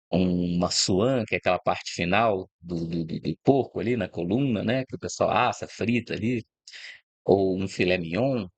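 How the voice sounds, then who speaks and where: Speaking to camera for his channel about food and agribusiness, a middle-aged man from Rio de Janeiro, Brazil, gives a casual, reflective explanation built up step by step. His voice is fairly low and slightly rough, and "né?" and "tá?" pop up often as he checks in. The recording is dry.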